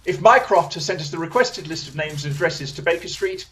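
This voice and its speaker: A man playing Sherlock Holmes in a radio play, a brisk, confident detective who speaks in an incisive, theatrical way. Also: a little high, lively intonation, fairly bright tone. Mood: brisk, pensive.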